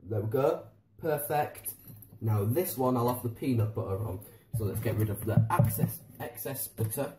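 A man's voice: medium pitch, moderate pace, dark tone, faint music behind. Rambling male vlogger, self-mocking how-to chatter, echoey home kitchen. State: slightly out of breath. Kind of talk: casual how-to vlog. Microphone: camera on a tripod.

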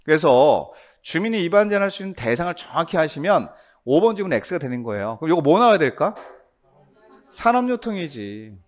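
Animated Korean male law lecturer. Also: on the high side, fairly quick. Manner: lively, coaxing, quizzes the class with tag questions. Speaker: real estate law instructor. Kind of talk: exam review lecture.

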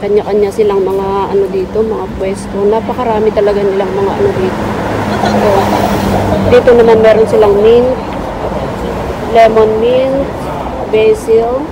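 A woman's voice: medium pitch, little pitch movement, normal speed, pauses often. A woman vlogger narrating a casual walking tour through a city street market, chatting to her viewers as she goes. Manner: chatty, keeps addressing viewers as guys. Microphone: handheld phone camera while walking. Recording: loud street traffic noise. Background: traffic and city street sounds.

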